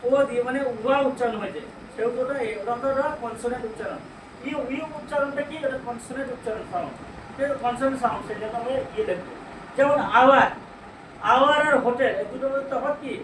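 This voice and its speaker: A man with a Bengali accent teaching an English grammar lesson. He asks the class questions, answers them himself, and reads English sentences out slowly. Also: very high-pitched. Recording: echoey room, far from mic, noisy.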